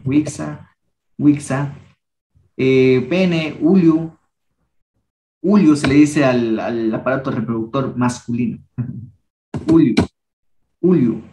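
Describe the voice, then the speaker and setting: A young man teaching a language workshop, patiently repeating each word slowly so students can copy its pronunciation. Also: mid-range voice, darkish tone, echoey room, a little hiss or hum. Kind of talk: teaching a class.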